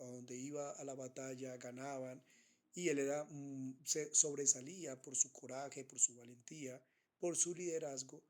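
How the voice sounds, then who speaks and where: A man giving an unscripted Bible teaching, pausing often with fillers and restarting his phrases. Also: mid-range voice, a little mellow. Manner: hesitant, many fillers and restarts.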